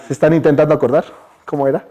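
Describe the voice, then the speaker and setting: A man's voice: on the high side, steady tone, very fast, dark tone. Chatty Mexican man giving a science talk. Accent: Mexican Spanish. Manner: chatty, asks the audience questions, many fillers. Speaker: guest speaker. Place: university lecture hall.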